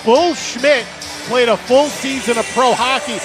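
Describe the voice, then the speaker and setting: A man calling a fight play-by-play in a raised, excited, shouting voice. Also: very high-pitched, unhurried, over music. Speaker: play-by-play commentator.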